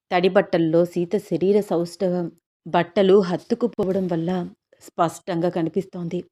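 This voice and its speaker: A woman's voice: on the low side, dark tone. Woman narrating a romantic audio story.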